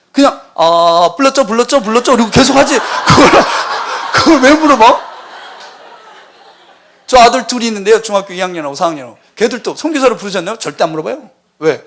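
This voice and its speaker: A man in his forties, a missionary preaching a lively sermon in a church, telling stories and acting out the voices in them. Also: sits high. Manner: animated storytelling, acting out quoted voices.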